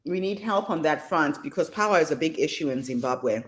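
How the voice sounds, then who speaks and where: A woman's voice: deep voice, expressive, fairly quick. Woman hosting an online summit. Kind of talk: casual chat on a video call.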